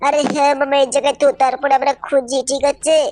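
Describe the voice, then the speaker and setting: A man's voice: little pitch movement, quick pace, darkish tone, slight background noise. A man voicing a whiny young boy nephew in a cartoon style during gameplay commentary. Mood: urgent. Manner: high squeaky urgent pleading. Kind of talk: gameplay commentary role-play.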